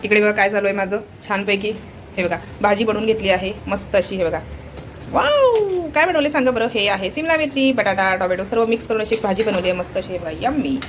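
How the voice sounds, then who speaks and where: A woman's voice: mid-range voice, fast, a little hiss or hum. A woman with a Marathi accent narrating a casual home vlog from her kitchen, chatting to viewers as she points things out. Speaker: vlogger.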